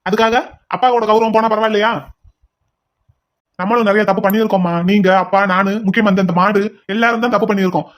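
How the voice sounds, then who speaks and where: A man's voice: sits high, fairly even intonation, fast, natural voice. A man voicing a blunt grown son in a cartoon who scolds his younger brother. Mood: scolding. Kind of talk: cartoon voice acting.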